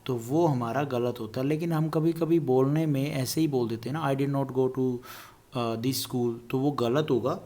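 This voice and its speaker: A male teacher explaining English grammar rules in Hindi, dictating English example sentences slowly, word by word, and listing vocabulary one item at a time. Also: mid-range voice, dark tone. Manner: lists words one by one, repeating some; explains rules in conversational Hindi, addressing students as bhai. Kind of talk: classroom grammar lesson.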